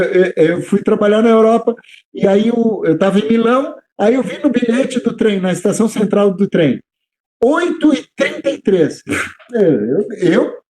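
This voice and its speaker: Male teacher guest, high and very animated delivery, chatty storyteller who stumbles and restarts. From southern Brazil. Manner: animated, acts out quoted dialogue, repeats words when restarting. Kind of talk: conversational storytelling.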